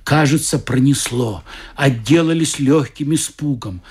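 A man's voice: mid-range voice, measured pace, husky. A man doing an anxious, pious mother. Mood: urgent. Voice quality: urgent, hushed.

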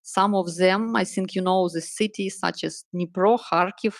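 A Ukrainian woman in her thirties, a salon owner and project manager, answering interview questions in careful, halting English with many pauses. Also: on the low side, fairly even intonation, vocal fry, no echo. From Ukraine, Donetsk region. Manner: earnest, halting non-native phrasing with many pauses.

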